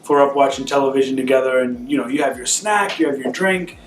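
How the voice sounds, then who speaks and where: A man answering questions as a guest in a casual couple Q&A at home, relaxed and easygoing in his phrasing. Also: mid-range voice, quick pace, a little hiss or hum. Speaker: guest husband. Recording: roomy, distant camera sound.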